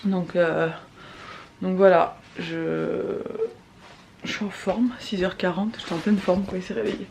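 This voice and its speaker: A woman's voice: on the low side, flat delivery, a little slow, darkish tone. A woman chatting casually about everyday life as a vlogger. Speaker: vlogger and mother. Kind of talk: casual vlog chat. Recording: clear background noise.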